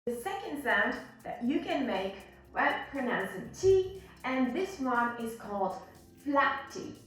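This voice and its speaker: A woman's voice: high-pitched, very animated, slow pace, fairly bright tone. A woman teaching pronunciation as an instructor, demonstrating words and sounds and often checking that the learner follows. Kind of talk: instructional lesson on American English sounds. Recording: very roomy echo, distant mic, faint music.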